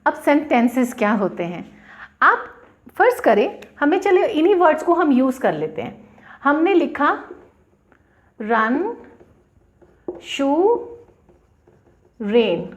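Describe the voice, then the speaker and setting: A woman English teacher, a native Hindi speaker, explaining letters, syllables and sentences slowly and deliberately, spelling words out. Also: high voice, sing-song. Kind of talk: bilingual classroom explanation.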